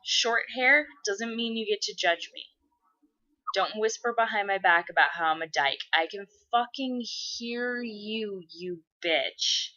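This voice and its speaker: A woman's voice: mid-range voice, measured pace, bright, forceful tone, lo-fi sound. A woman in her twenties chatting casually, blunt and swearing freely as she gets worked up. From USA. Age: 20s. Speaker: vlogger. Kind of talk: casual chat.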